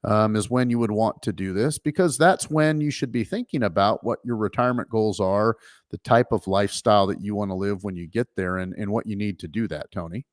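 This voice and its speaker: In clean studio audio with no room sound, a middle-aged financial advisor hosting a finance talk show speaks in a lowish voice at a fairly quick pace. His explanations are casual, full of fillers and restarts.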